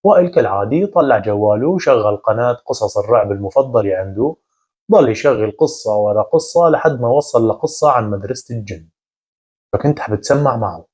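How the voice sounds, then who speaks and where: A man narrating a first-person horror story in a measured, conversational way. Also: mid-range voice, lively intonation, a little mellow, slightly rough.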